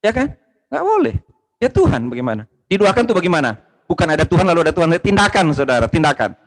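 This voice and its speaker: A man preaching a sermon with passion, rising to loud exclamations and dropping to low asides, joking casually with the congregation. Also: very animated, fast, poor audio. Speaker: pastor. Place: church service streamed online.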